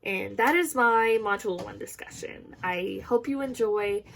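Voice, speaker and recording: A young woman giving a recorded class presentation, nervous and halting, often stopping to correct herself. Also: medium pitch, vocal fry, noisy background. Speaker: student presenting a class discussion.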